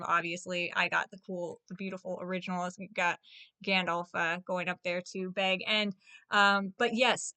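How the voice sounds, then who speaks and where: Woman, 30s, book vlogger; casual and gushing, lots of fillers, crisp tone. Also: medium pitch, sharp tone. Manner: chatty, gushing, full of fillers.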